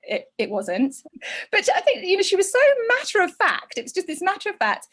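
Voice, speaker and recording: A podcast co-host on a video call mic reads a listener's letter aloud between bits of chat, her voice very high-pitched, sing-song, fairly quick and a bit bright. She gets emotional and laughs through tears.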